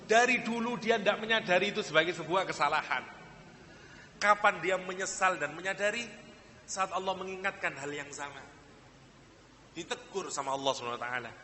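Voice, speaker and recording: A man's voice: high voice, a little fast, pushed and bright, in a large hall, a little hiss or hum. A man with a Javanese accent preaching a sermon, telling stories and acting out the people in them. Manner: acts out the people in his stories, mixing in Javanese phrases. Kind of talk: sermon with storytelling.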